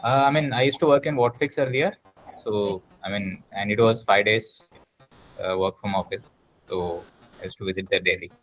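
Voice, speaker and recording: Male, Kannada Indian accent, lower register, casual participant on a slightly muffled online call. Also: moderate pace, faint music behind. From Bangalore, India. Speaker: participant, performance marketer. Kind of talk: casual chat. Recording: dull lo-fi call audio.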